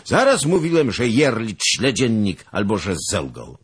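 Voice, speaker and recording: Guy doing an old noble loudmouth, husky, pitching way up when he yells. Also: huge pitch swings, normal speed, full character voice. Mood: indignant. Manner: exclaiming, raised and loud. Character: boastful older nobleman, loud and excitable.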